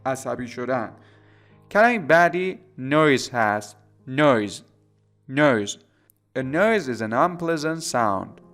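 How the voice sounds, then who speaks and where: A man's voice: mid-range voice, a bit bright. Man teaching vocabulary. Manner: slow careful English examples between quick explanations. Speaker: English teacher. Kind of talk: vocabulary lesson with translation.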